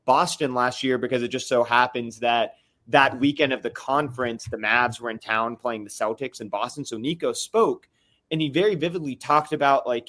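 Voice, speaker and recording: A man's voice: medium pitch, fairly bright tone. A man is calling in to a live podcast, venting with a lot of heat. He rambles in restarts and fillers, and he keeps tripping over his own sentences in an ordinary mid-range voice. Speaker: caller on a live fan podcast. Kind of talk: casual venting chat.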